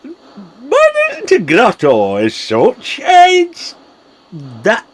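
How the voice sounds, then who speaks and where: Man acting flustered old Santa, wildly swooping pitch. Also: wildly swooping pitch, very slow, breathy edge, full character voice. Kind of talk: radio play acting.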